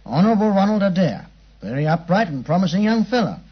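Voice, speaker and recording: Very raspy, chatty British police inspector Lestrade. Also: male voice, high voice, sing-song, fast talker, exaggerated voice. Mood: confiding, matter-of-fact. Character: weary, chatty, deferential London police inspector. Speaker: actor playing a police inspector. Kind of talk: 1950s radio drama acting. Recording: dull, muffled 1950s radio recording.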